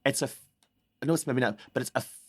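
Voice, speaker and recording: A man co-hosting a comedy podcast, telling stories in an animated, sweary way. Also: medium pitch, fast talker, husky. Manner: animated storyteller, swears freely, drops into silly voices. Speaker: podcast co-host. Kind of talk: casual comedic chat.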